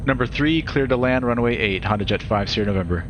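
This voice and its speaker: A man's voice: mid-range voice, fast, background noise. A man talking like a pilot in a cockpit on a headset, calling out checklists and narrating his own flying. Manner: talks to himself through the flying as he goes. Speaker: pilot in a flight simulator stream. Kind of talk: pilot cockpit talk, checklist call-outs and commentary.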